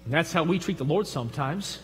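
High-voiced Michigan pastor preaching in a hall. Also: male voice, animated, slight background noise. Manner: folksy, emphatic preaching with quick drops to a hush. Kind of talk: sermon. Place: large church sanctuary. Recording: long hall reverb from the sanctuary.

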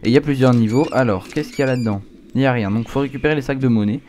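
Talking very fast, this streamer narrates his horror gameplay casually, jumping and sounding frightened as he plays. He has a mid-range, somewhat mellow voice, captured in a recording with clear background noise.

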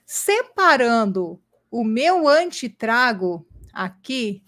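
Woman, online teacher, unhurried and patient, fairly high voice. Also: sing-song, fairly bright tone. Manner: slow, patient, checks in with "tá?" and "ok?". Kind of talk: online lesson with screen drawing.

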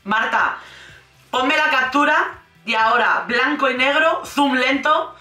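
A woman's voice: sits high, slow, pushed and bright, faint music behind. A woman with a Spain Spanish accent giving casual, sarcastic commentary on a reality show, swearing freely and acting out the lines she quotes. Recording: roomy echo, a bit distant from the mic.

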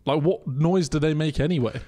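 A young man co-hosting a casual podcast, playful and full of quick questions. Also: a little high, mellow. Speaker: podcast co-host. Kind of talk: casual chat.

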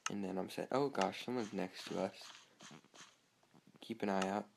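Young guy rambling over his game, lowish gravelly voice, bit of hiss behind. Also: steady tone, normal speed. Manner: chatty, easily startled, talks to himself. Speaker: gamer. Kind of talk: casual gameplay commentary.

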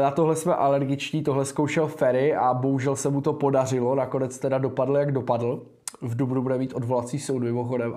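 A man's voice: medium pitch, a little mellow. A young man in his twenties, speaking Czech, hosting a casual political livestream in a blunt, informal way with frequent filler sounds. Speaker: livestream host and political candidate.

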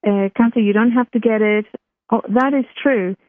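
A Chilean woman guest chats about a personal experience in an interview, frequently starting her sentences over. Her voice is on the high side and steady at a normal speed, heard through a dry, tinny phone line without echo.

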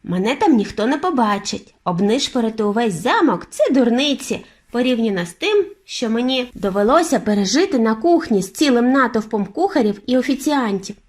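An eager, impatient little boy's voice pushed high and bright, as a woman puts him on in a children's audiobook. He exclaims and presses with quick questions, the pitch leaping around excitedly. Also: lightly acted. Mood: keen. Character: excited young boy turned mouse.

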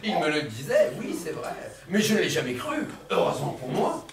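A man's voice: on the high side, wildly swooping pitch, a little fast, a crowd in the background. A man playing an ambitious notary clerk in a stage comedy, explaining himself evasively with small stammers. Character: ambitious, smooth-talking young male notary clerk. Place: theatre stage. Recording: echoey hall from far off.

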